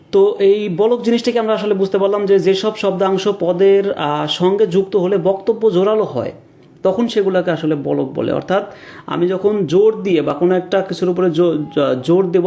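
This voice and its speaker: A man's voice: sits high, vocal fry, warm tone. A man giving an exam-prep grammar lecture over slides, explaining step by step with many fillers and rhetorical questions, dropping in English words. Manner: mixes English words into his talk. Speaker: grammar teacher.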